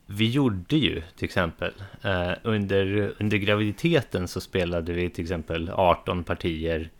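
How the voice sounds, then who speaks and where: A man's voice: deep voice, steady tone. A man in his thirties, a podcast co-host chatting casually about board games, hesitant with many fillers and restarts. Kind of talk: casual chat.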